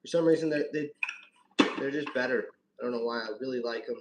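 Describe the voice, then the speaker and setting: A man's voice: mid-range voice, fast, dull audio. Frat-bro man, distant echoey mic. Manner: laid-back frat-bro slang, mild swearing. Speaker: home-brewing livestream host. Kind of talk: casual livestream chat while demonstrating. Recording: roomy echo, distant mic, faint noise.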